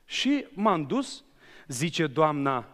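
Un bărbat predicator care spune o mărturie personală în predică, ca un povestitor viu ce se adresează direct adunării, într-o sală de biserică. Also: male voice, a little high. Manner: lively storyteller, addressing the congregation directly. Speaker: preacher. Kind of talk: sermon with personal testimony. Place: church hall. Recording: long church-hall reverb.

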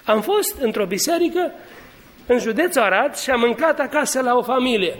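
A man preaching a sermon, telling humorous stories and building to fervent exhortation. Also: very high-pitched. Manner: lively, humorous storytelling that rises to fervent exhortation.

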